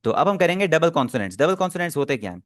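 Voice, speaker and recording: A man's voice: on the high side, very animated, very fast, dry recording, studio quality. A man teaching an online class, explaining step by step and often checking that students follow. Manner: explains patiently, often asks "theek hai?" to check.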